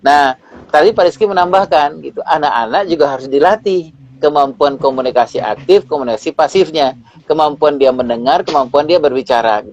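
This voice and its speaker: A man's voice: on the high side, fairly quick, a little mellow. Man hosting a parenting talk. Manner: addresses the audience directly, frequent backchannel murmurs. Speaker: host. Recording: muffled with faint noise.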